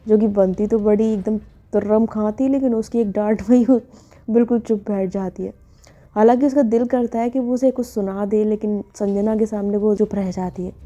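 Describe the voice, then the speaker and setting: A woman's voice: mid-range voice, dark tone. A woman telling a story in a casual, chatty narration with many filler phrases. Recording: dull lo-fi with faint music.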